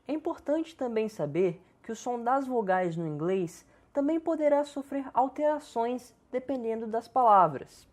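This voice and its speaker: A woman giving a scripted pronunciation lesson, speaking slowly and enunciating each word with deliberate care. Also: on the high side, lively intonation, a little mellow. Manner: slow, careful, deliberate enunciation. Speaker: English teacher.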